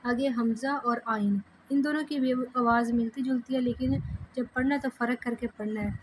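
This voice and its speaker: A woman teaching a children's Quran reading lesson, slowly drawing out each syllable in drills between quick explanations. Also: a little high, fairly even intonation, darkish tone, slight background noise, rough recording. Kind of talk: step-by-step recitation lesson.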